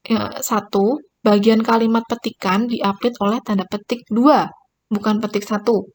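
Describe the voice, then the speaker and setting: A woman's voice: medium pitch, little pitch movement, moderate pace, a little mellow. A woman teacher giving a recorded grammar lesson, explaining each point and pointing at examples on screen. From Indonesia.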